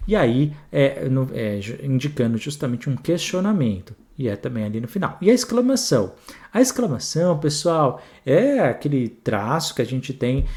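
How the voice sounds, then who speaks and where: This male teacher, whose accent is Brazilian Portuguese, runs a lively, talkative grammar class aimed at an exam and keeps asking his students if they're following. His pitch is on the high side.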